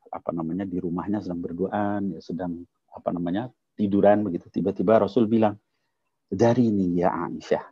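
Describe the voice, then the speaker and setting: A man's voice: on the low side, slightly rough, dry recording, muffled recording. A male preacher giving a storytelling sermon in a mosque and addressing his listeners as his children.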